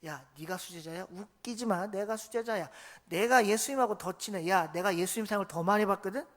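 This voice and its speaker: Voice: medium pitch, a little fast, long reverb tail, natural voice. Boastful, taunting disciple figure, a preacher doing him in a sermon. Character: boastful disciple bragging he is the favorite.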